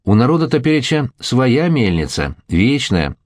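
A man reading the lines of a calm, plain-spoken village miller. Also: medium pitch, moderate pace, dry recording, studio quality, voice pushed up.

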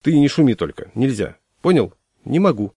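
A man voicing an evasive male official who talks in a hushed, conspiratorial, chummy way. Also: medium pitch, big pitch swings, moderate pace, slightly rough, dry recording, voice pushed up. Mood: sly.

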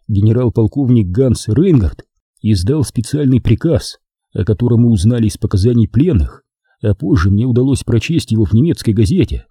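Male narrator, audiobook memoir, measured telling, lively intonation, dry close sound. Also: fairly low pitch, breathy edge, dry recording.

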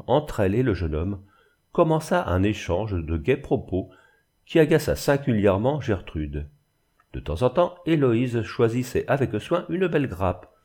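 A man giving a measured, expressive scripted narration of a classic novel as an audiobook reader. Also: on the low side, slightly rough.

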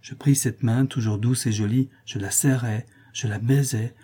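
A man narrating a classic novel as an audiobook in a measured, expressive way. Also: mid-range voice, breathy edge.

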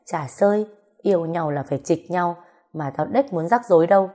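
Coarse, swearing woman in a storybook, gruff and scolding, voice on the low side as a woman narrator puts her on. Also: moderate pace, mellow, lightly acted. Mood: blunt. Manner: rough, scolding, swears freely. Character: coarse, blunt, foul-mouthed grown woman.

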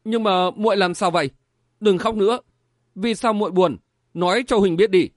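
A man's voice: high voice, normal speed, no room sound, clean studio sound, lightly acted. A man voicing a tender, stubborn young swordsman in a martial-arts romance audiobook, talking in an earnest, soothing way.

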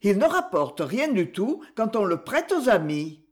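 A woman voicing a talkative, jealous village washerwoman who speaks in a shrill, quick-tongued way. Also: very animated. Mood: teasing.

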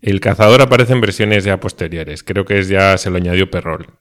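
A man's voice: deep voice, steady tone, a little fast. A man from co-hosting a radio show in casual chat, amused and chuckling as he talks.

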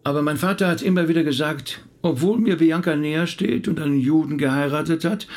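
Recounting the life of his late relative, a middle-aged rabbi played by a male actor in a naturalistic radio drama speaks candidly and thoughtfully, talkative but a little hesitant. The voice, close to everyday speech, is on the high side with a darkish tone and a brisk pace.

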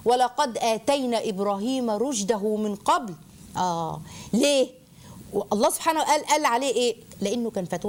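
A woman with an Egyptian accent tells a Quran story to children as a lesson, animated and full of questions to her listeners. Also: a little high. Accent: Egyptian Arabic. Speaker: religious teacher.

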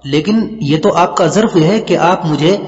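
A man voicing a gentle, devoted young wife who asks earnest, questioning things in a soft manner. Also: on the high side, close to an everyday voice. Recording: dull lo-fi with long reverb.

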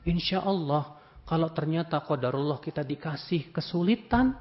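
A man's voice: on the high side, normal speed. A man preaching in a religious study lecture, telling stories, acting out dialogue, and reciting Arabic before translating it. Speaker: Islamic preacher teaching hadith. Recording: dull lo-fi audio recording.

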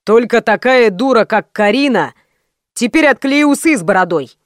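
A woman's voice: on the high side, lively intonation, normal speed, no echo, studio quality, close to an everyday voice. A woman voicing a smug, lazy man of about forty who runs a gang, drawling and then shrieking. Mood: menacing.

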